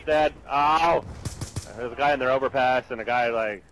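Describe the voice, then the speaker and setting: A man chatting casually with friends while playing a shooter game, excitable and prone to yelling. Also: medium pitch, normal speed, low-quality recording. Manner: excitable, yells during play. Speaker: gamer. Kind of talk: casual gameplay chat.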